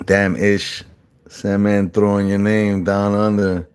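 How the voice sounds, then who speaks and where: A man chatting casually in a slangy, rambling way, with many restarts, calling the listener bro and acting out the people he quotes in a higher voice. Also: little pitch movement, slow, clear, resonant tone. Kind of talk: casual chat.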